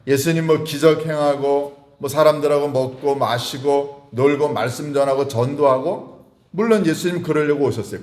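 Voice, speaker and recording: A man pastor giving a sermon, explaining word meanings and putting questions to his congregation, slowing down to stress key words. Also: fairly high pitch, a little mellow. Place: church sanctuary. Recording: echoey church hall.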